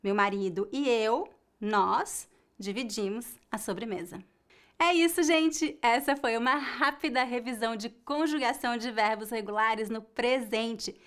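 A woman with a Brazilian accent giving a scripted language lesson, explaining slowly and clearly for learners. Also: fairly high pitch, a bit bright. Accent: Brazilian Portuguese. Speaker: Portuguese teacher.

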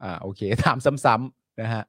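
A man co-hosting a casual live stream, animated and teasing, reading out viewer comments and jumping into sudden excited bursts. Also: moderate pace, no echo, clean studio sound. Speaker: co-host.

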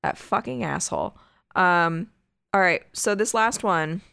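Low-voiced woman chatting casually, sweary. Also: lively intonation, unhurried, gravelly, pushed and bright, clean tone, no room sound. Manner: sweary, joking. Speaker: podcast host. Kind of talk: casual chat.

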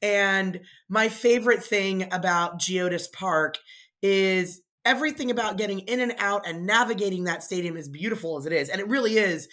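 A woman's voice: medium pitch, moderate pace, fairly bright tone. A woman co-hosting a casual podcast, talking in a wry, sarcastic way. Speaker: podcast co-host. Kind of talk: casual chat.

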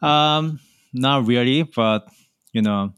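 A man from South Korea with a Korean accent, whose first language is Korean, chatting as a podcast guest in halting English with many fillers. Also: medium pitch, a bit bright, smooth, no echo. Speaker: podcast guest, online seller. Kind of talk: casual interview chat.

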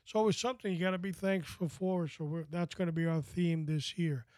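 Higher-voiced American man hosting, dry sound. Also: fairly even intonation, brisk, a little mellow, no echo. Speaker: podcast host. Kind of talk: casual show hosting.

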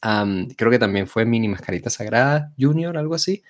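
A man co-hosting a casual wrestling discussion, talking informally and haltingly with chatty asides. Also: medium pitch, expressive. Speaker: wrestling show co-host.

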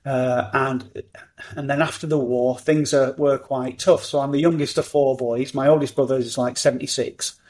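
A middle-aged man, talking as a podcast guest in an animated, upbeat way. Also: medium pitch, normal speed. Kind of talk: conversational interview.

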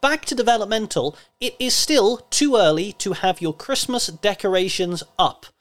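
Podcast co-host: man, 30s, Cornish accent, higher-pitched, conversational, teasing with mock formality. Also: moderate pace, fairly bright tone. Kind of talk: casual chat.

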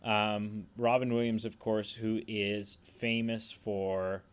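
On a laid-back movie review podcast, this co-host rambles through his thoughts on a film with lots of fillers and side tangents. He has a lowish voice with little pitch movement, a slow pace, and a clean tone.

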